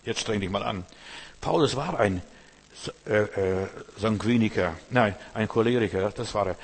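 Male preacher, husky voice, pastoral sermon delivery, talks straight to the congregation. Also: fairly low pitch, moderate pace. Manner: pastoral, addresses listener directly with rhetorical questions; acts out quoted voices of troubled believers.

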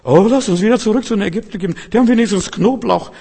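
A man voicing a grumbling Israelite who whines to turn back, in a high, hurried voice, with a long hall reverb. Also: warm tone, husky. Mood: whining. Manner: high-pitched, wheedling, hurried.

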